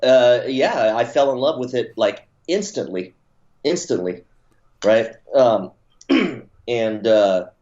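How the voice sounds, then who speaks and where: A mid-range, darkish male voice belongs to a forty-something martial arts promoter, Taiwan-born and US-raised, telling his story as an interview guest. He rambles, restarting often and using many fillers, on a dull lo-fi recording.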